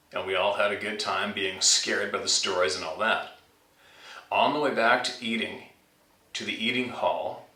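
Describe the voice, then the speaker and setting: A man running a channel reads out a listener's scary submission and talks through it in a relaxed manner. The mic sits well away from him, so his pushed, bright, lowish voice carries a roomy echo.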